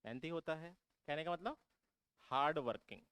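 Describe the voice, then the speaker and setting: A man's voice: on the high side, moderate pace, fairly bright tone, clear, resonant tone, dry recording. A man teaching exam vocabulary who keeps asking his students questions and then answering them himself, calling them "beta". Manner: repetitive, drilling explanation. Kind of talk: vocabulary lesson for exam prep.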